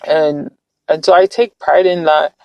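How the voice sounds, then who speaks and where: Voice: mid-range voice, steady tone, unhurried, vocal fry, no echo, poor audio. A live-streamer from California talking in a casual, earnest, reflective way, rambling with frequent restarts. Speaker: livestreamer.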